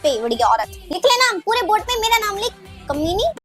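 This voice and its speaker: A woman's voice: extremely high pitch, sing-song, brisk, loud music behind the voice. A woman playing a hot-headed schoolgirl who bickers, makes wild threats and throws insults. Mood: quarrelsome.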